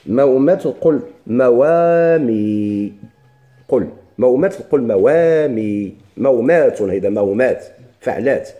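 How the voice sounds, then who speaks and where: A man with a Moroccan Arabic accent teaching a grammar lesson, repeating each word slowly for his students. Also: medium pitch, highs cut off. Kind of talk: classroom lesson.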